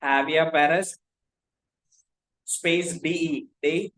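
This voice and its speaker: A man's voice: on the high side, steady tone, takes it slowly, fairly bright tone, poor audio. A man with an Indian English accent teaching a class, dictating notes and spelling names letter by letter, often repeating himself.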